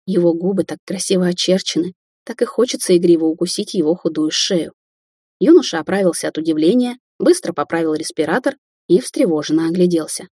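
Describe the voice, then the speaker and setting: A woman narrating an audiobook in a steady, even storytelling manner. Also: fairly low pitch, a little fast, slightly rough, dry recording, studio quality.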